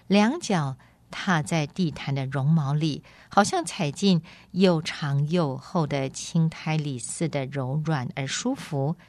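Expressive woman reading a story aloud. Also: low-pitched, no echo. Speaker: radio host and reader. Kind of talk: audiobook reading on radio.

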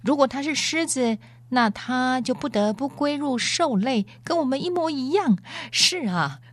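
A woman's voice: sits high, animated, measured pace, no echo, pitched above the performer's own voice. A woman voicing a proud, pompous male talking warhorse who lectures like a know-it-all. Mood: lecturing.

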